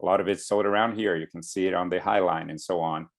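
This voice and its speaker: A man's voice: low-pitched, steady tone, quick pace. A man from Brazil giving an online class presentation, speaking with many fillers and restarts. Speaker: guest speaker. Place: home in Brooklyn.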